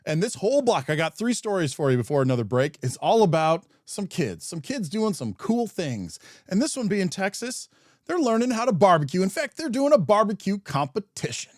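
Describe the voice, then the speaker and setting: Male host, chatty, self-mocking, slightly high, dry close sound. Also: sing-song, brisk, no echo. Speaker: news show host. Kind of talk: casual studio presenting.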